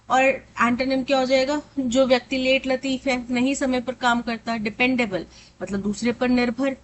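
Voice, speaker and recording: A woman's voice: fairly high pitch, slight background noise. Patient Indian woman tutoring English. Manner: explains patiently, reads English sentences slowly, spells letter by letter. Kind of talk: Hindi-English exam lesson.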